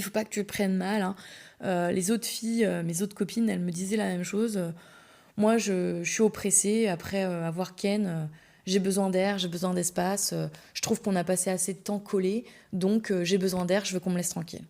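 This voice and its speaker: Young adult woman, podcast host; casual candid storyteller, slangy and filler-heavy, gravelly mid-range voice. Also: mid-range voice, steady tone, moderate pace, a little mellow. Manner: chatty, candid and slangy, full of "euh" fillers.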